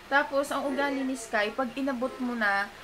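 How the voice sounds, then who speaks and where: A woman's voice: high voice, moderate pace, fairly bright tone, a little hiss or hum, low-quality recording. A young woman vlogging as a first-time mother, cooing baby talk to her toddler and then chatting frankly to the camera at home. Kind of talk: casual home vlog chat.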